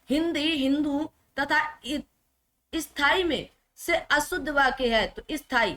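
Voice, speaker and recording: A woman's voice: high-pitched, bright, forceful tone. A woman teacher giving an online exam-prep lesson, repeating words over and over and asking and answering her own questions.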